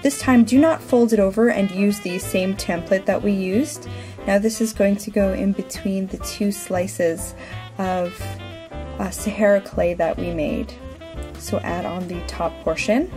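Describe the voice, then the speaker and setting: A woman's voice: medium pitch, a little slow. A woman in her thirties talking casually and informally as the host of a craft tutorial. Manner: chatty, informal. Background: background music.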